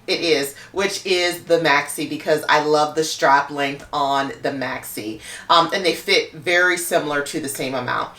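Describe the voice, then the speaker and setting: A woman's voice: sits low, moderate pace, few pauses, a bit bright, reverberant. A woman talking casually to camera as a luxury handbag YouTuber, chatty and full of "like" fillers.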